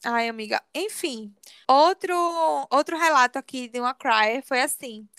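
A high, bright-voiced woman tells gossipy stories in animated slang. She co-hosts a casual chat, recorded close and dry. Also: normal speed, clear, resonant tone, no room sound. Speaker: podcast co-host.

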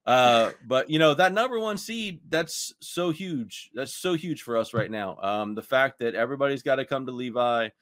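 Male podcast co-host, rambling fan rant, mid-pitched, dry close sound. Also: lively intonation, normal speed, few pauses, a bit bright, no echo. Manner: rambling, heavy use of "like". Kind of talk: casual sports podcast chat.

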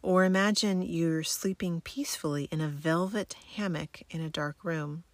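A woman giving scripted guided relaxation in the slow, soothing, step-by-step manner of a sleep narrator. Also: lowish voice, no room sound. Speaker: wellness instructor giving guidance and homework.

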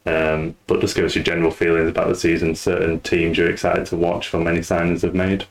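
Guy hosting a chill podcast, really low voice, pretty monotone, kinda rambly. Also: fairly quick. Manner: relaxed, rambling. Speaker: podcast host. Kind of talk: casual podcast chat.

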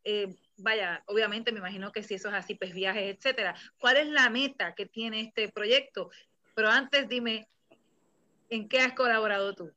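A woman hosting a casual live stream in a lively way, reading greetings aloud and asking questions. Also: medium pitch, moderate pace, dull audio. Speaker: host.

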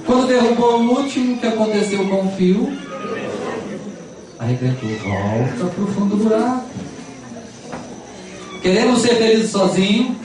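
Brazilian preacher echoing in a big hall. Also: male voice, high-pitched, animated, normal speed, noisy background. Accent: Brazilian Portuguese. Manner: earnest, repeats key words for stress. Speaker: spiritist lecturer. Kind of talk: sermon with a told parable. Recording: echoey hall from far off.

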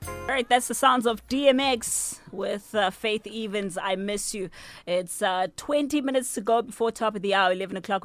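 A woman's voice: fairly high pitch, no echo. A South African woman presenting casually live on radio as host, with a South African accent.

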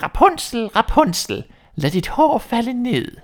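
A man doing a shrill, spiteful old witch. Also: very animated, heavily acted. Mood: calling. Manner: shrill, drawn-out calling and scolding.

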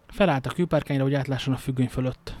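A man's voice: mid-range voice, steady tone, darkish tone, no room sound. A man reading a novel aloud, stumbling now and then and adding casual joking asides. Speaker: amateur reader.

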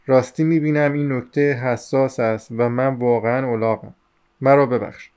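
A man reading the part of a chatty, excitable young male student in an audiobook, rambling eagerly in a smooth, clear voice. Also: medium pitch, close to an everyday voice. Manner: rambling, eager, talks over himself.

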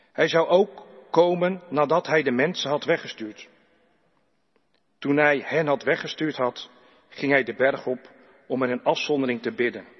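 A man reading Bible passages aloud in a slow, measured, solemn way in church. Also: mid-range voice, slightly rough. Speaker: scripture reader. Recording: echoey church hall, dull lo-fi sound.

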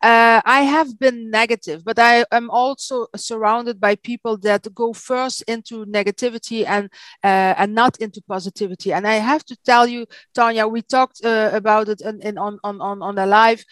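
A woman in her forties speaks English with a Dutch accent, her first language being Dutch. She talks in a halting way, full of fillers and restarts, at a somewhat high pitch. Her voice sounds dry and close, as on a video call. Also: steady tone, fairly bright tone, dry recording. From south of the Netherlands. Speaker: guest. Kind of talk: casual interview chat.

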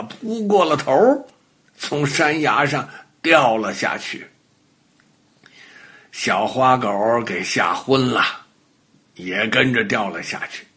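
An older man telling a children's bedtime story to little listeners, animated and expressive, acting out sound effects as he goes. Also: mid-range voice, husky.

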